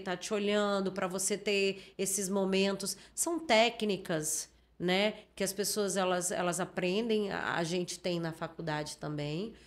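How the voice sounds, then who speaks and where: Chatty Brazilian journalist woman explaining. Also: mid-range voice. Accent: Brazilian Portuguese. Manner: explanatory, lots of filler tags and restarts. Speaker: journalist guest. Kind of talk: casual interview talk.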